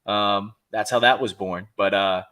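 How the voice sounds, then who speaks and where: Brief: sports talk co-host, Boston accent, slightly low voice, rambling and animated. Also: male voice, unhurried. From Boston area. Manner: rambling, animated storyteller with many restarts. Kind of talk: sports radio chat.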